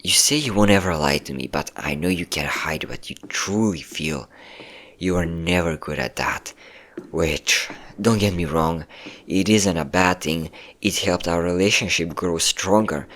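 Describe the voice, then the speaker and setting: A man acts out a possessive, low-voiced ex-boyfriend in a scripted ASMR audio roleplay, unhurried and a bit bright in tone. Pleading yet menacing, he coaxes his lover with pet names and nervous chuckles, manipulation lurking under every line.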